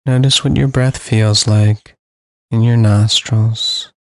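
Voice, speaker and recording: A man guiding a sleep meditation, speaking slowly and soothingly with long pauses. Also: fairly low pitch, steady tone, dry recording. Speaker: meditation guide.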